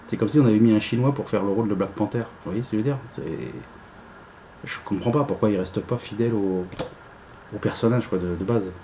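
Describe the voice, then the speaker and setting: A man with a lowish, warm and dark voice talks his way through an unboxing in a loose, casual vlog style. He rambles and hesitates, trailing off into fillers. Faint noise sits behind his voice. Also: fairly quick, pauses often, low-quality recording. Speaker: unboxing vlogger.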